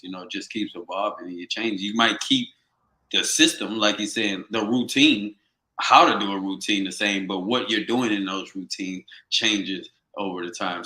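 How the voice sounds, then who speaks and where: A man's voice: on the low side, sharp tone, reverberant. A man talking as a podcast guest, reflective and thinking aloud with small stammers. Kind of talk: casual podcast chat.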